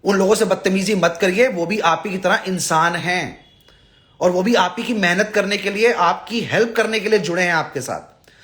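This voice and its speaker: Speaking at normal speed in a high, fairly bright voice, a live-streaming visa advisor scolds his followers. He's blunt and exasperated, pleading with them through insistent repetition.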